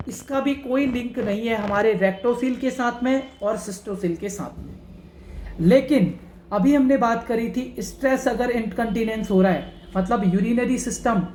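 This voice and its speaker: A woman teaching nursing exam questions, reading each one slowly and then explaining it in a chatty, conversational way. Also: fairly high pitch, darkish tone, slight background noise. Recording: echoey room.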